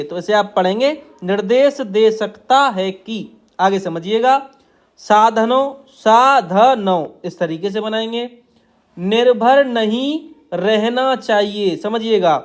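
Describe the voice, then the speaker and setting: A man teaching shorthand outlines, explaining each stroke in a patient, repetitive way while drawing on a tablet. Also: high-pitched. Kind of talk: tutorial explaining steno outlines.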